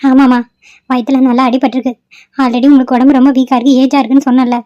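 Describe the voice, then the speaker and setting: Calm female doctor voiced by a woman in a cartoon, reassuring and matter-of-fact in a high, mellow voice. The recording is dry and lo-fi. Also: quick pace, natural voice. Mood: grave.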